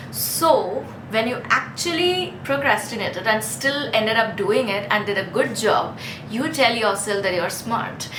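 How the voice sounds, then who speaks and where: A woman's voice: medium pitch, echoey room, background noise. A woman in her thirties from India giving a casual, earnest self-help talk to camera, chatty with frequent restarts. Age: 30s. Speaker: vlogger. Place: Mumbai street with ambient noise.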